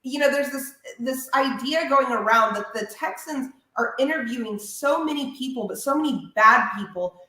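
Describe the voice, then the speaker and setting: A woman who hosts a sports radio show, ranting in an animated, opinionated way during a casual podcast chat. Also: high-pitched, moderate pace, hardly any pauses. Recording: very echoey room.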